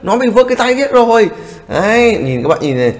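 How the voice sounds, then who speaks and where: A man giving excitable reaction commentary on a video, exclaiming often and calling out to his viewers. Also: very high-pitched, a little fast. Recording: long reverb with loud background noise.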